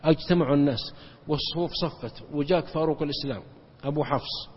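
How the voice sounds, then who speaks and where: Male preacher, emphatic rapid-fire lecturer, husky tone, dull hall recording. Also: on the high side. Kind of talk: religious lecture storytelling.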